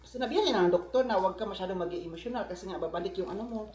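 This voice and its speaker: Speaking rapid-fire in a high voice with a somewhat dark tone, a man from the Philippines chats casually in his vlog. He frequently addresses viewers in asides, and the room gives off a noticeable echo.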